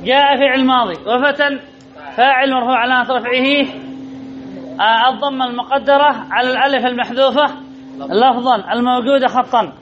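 A man's voice: very high voice, fairly bright tone. A man teaching a grammar lesson to a class, asking questions and repeating the answers over and over. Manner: drills points by asking students questions, then repeats the answers. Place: classroom with students. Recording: dull lo-fi recording with faint background noise.

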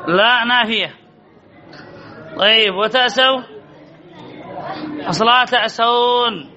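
A man's voice: very high-pitched, takes it slowly, bright, forceful tone, some chatter behind. A man teaching Arabic grammar in a classroom, quizzing students and repeating key answers as drills, on a dull lo-fi recording. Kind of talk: classroom lesson with questions to students.

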